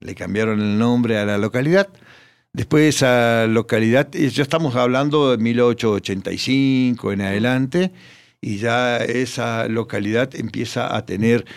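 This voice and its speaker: A man with a gravelly, creaky voice tells history in a relaxed radio chat. He pauses often and fills gaps with "eh" and "este" as he searches for words. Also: medium pitch. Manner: hesitant, many fillers and restarts. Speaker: guest. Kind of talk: casual radio interview.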